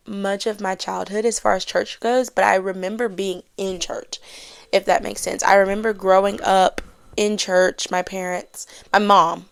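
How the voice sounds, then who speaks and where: A woman in her 20s hosts her own podcast, chatting casually on her own. Her mid-range voice is creaky with a clean tone, and she's self-deprecating, using lots of fillers and Southern slang.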